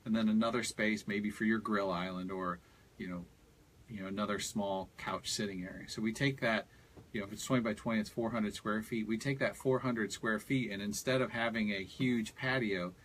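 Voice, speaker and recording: A man's voice: fairly low pitch, steady tone, normal speed, fairly bright tone, a little hiss or hum. A man working as a landscape designer, explaining garden design in casual radio talk and often saying "you know".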